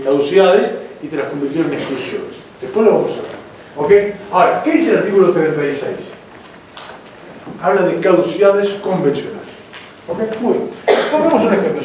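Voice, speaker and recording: A man with an Argentine accent giving a lively lecture, asking questions and checking in with his listeners. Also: high-pitched. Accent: Argentine Spanish. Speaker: lawyer giving a seminar lecture. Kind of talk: lecture with anecdotes. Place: lecture room. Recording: echoey room from far off, faint noise.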